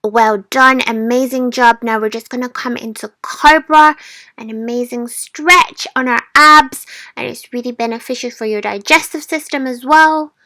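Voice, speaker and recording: A woman's voice: a little high, moderate pace, pushed and bright, no echo. A woman fitness instructor guiding viewers through a workout in an informal, encouraging, motivational way. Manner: addresses listeners informally as a group.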